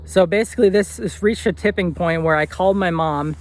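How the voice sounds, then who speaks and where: A man's voice: sits high, brisk. A young man in his twenties telling a personal story in an earnest, rambling way, with fillers and restarts. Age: 20s. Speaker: vlogger.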